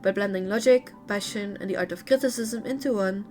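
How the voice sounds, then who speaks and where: A woman's voice: medium pitch, fairly quick, darkish tone, faint music behind. A woman reading a game's character lore aloud, breaking off for casual, chatty asides of her own. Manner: chatty asides between read passages. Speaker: lore reader.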